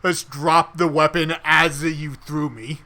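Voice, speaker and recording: A man co-hosting a podcast, chatting casually and telling animated stories about a tabletop campaign, acting out characters' lines. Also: fairly high pitch, slow pace, crowd noise. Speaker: podcast co-host and tabletop player. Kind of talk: casual chat.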